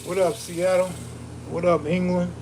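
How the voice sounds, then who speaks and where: His voice sits high and his delivery is flat and measured as he hosts a live stream amid background noise. Still, he comes across soothing and soulful, chatting in laid-back street slang and reading viewers' comments aloud.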